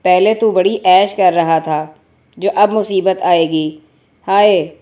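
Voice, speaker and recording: A defiant, sharp-tongued wife snaps and scolds in a dark, mellow storybook voice, as a woman narrator plays her. Her talk is blunt and indignant. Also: lowish voice, steady tone, natural voice. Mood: scolding. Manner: snappy, scolding.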